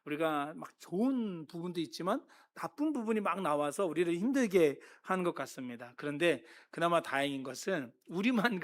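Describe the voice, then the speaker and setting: A man in his fifties, a pastor giving a sermon, telling personal stories in a conversational, self-deprecating way. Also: high-pitched.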